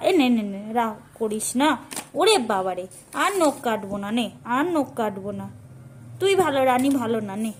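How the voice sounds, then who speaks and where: Woman, high lilting voice, coaxing pet owner, pleading baby talk. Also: slight background noise.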